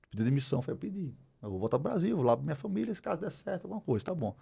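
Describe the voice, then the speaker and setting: A middle-aged Brazilian man telling a personal story as a podcast guest, animated, acting out the dialogue as he goes. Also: fairly high pitch, very fast, vocal fry, husky. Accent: Brazilian Portuguese. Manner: animated, acts out dialogue, many fillers. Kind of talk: storytelling in a casual interview.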